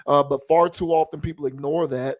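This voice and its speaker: Measured male podcast host, dry sound. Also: on the high side, fairly even intonation, dry recording. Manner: measured, deliberate, preachy. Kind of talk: opinion commentary.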